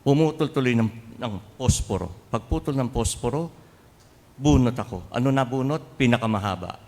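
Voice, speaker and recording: A man's voice: medium pitch, normal speed. A Filipino man in his sixties, a priest giving a humorous homily and telling stories with playful mimicry. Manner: humorous, animated storyteller who mixes in mimicry and chuckles. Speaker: priest and seminary formator. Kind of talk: homily with personal storytelling. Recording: long hall reverb, faint ambience.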